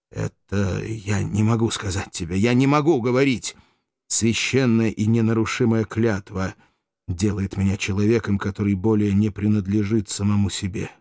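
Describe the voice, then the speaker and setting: A man's voice: on the low side, dry recording, clean studio sound. A man reading a grief-stricken young gladiator. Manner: halting, broken by grief. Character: despairing young gladiator, torn and tearful.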